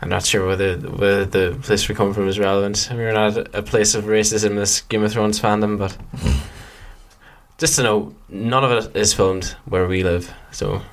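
A low-voiced man with a Donegal Irish accent talks as a podcast co-host. He chats in a casual, rambling style, with a joking streak. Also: flat delivery, measured pace. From County Donegal, Ireland. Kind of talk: casual fan podcast chat.

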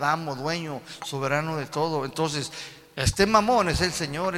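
Animated pastor preaching in a hall. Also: male voice, on the high side. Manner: animated, repeats "my brothers", asks the congregation questions. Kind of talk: sermon. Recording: long hall reverb.

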